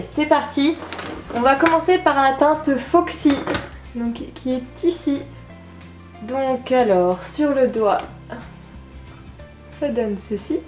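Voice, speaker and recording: A woman with a slightly high voice chats enthusiastically while reviewing makeup, poking fun at herself along the way. The room is echoey, and faint music plays in the background. Her tone is casual and excitable. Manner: chatty, enthusiastic, self-deprecating. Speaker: beauty vlogger.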